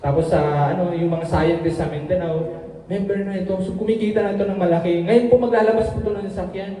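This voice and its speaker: A man's voice: sits high, steady tone, fast talker, warm tone. Male event emcee, hyping the crowd, distant, long hall reverb. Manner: hyping, repeatedly asks the audience to listen. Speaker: host introducing a speaker. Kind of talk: event emcee addressing an audience. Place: large meeting hall. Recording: echoey hall, voice from far off.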